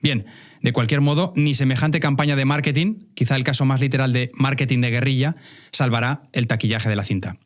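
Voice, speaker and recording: A man's voice: medium pitch, brisk. A man from Spain hosting a scripted narrative podcast, wry and addressing listeners directly with conversational asides. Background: faint music bed.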